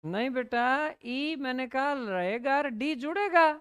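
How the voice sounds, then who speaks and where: Lady teacher, hindi mixed in, slow and spelling stuff out, smooth voice, dry close sound. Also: high-pitched, expressive, fairly bright tone, no room sound. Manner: explains in Hindi mixed with English, slowly spells out words, asks "है ना?" often. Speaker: English teacher. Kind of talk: classroom lecture.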